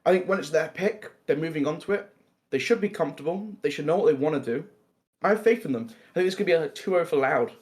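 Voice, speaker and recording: A man's voice: on the high side, quick pace, darkish tone. A man casting a live esports match, chatty and prone to tangents. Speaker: esports caster.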